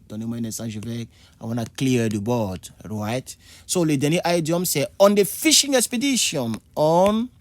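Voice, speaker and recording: Man teaching idioms, dry close sound. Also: no room sound. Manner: repeats words, jumps high to act out English phrases. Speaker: English teacher. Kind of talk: video lesson explaining idioms. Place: indoor room with a board.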